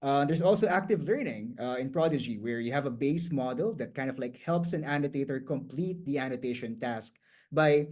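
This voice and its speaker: With a mid-range, slightly mellow voice, a Tagalog-native man explains things in a guest lecture. He keeps it informal, repeatedly restarting phrases and plugging gaps with "um" and "like."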